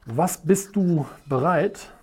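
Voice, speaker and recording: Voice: medium pitch, slow pace, husky. A motivational coach teaching at a whiteboard, talking emphatically, repeating rhetorical questions and telling stories dramatically. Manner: tells stories in a lively, dramatic way. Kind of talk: motivational video lesson at a whiteboard.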